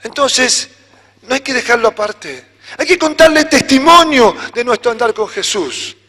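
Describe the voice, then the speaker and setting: A man with an Argentine Spanish accent preaching a sermon as pastor, animated, acting out little dialogues. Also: extremely high pitch, moderate pace. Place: church hall. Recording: church hall reverb.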